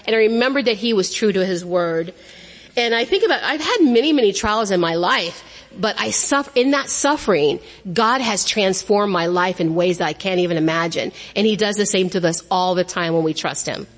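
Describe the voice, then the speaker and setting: A woman's voice: medium pitch, fairly quick, long reverb tail. A woman earnestly telling a faith testimony, repeating phrases as she speaks.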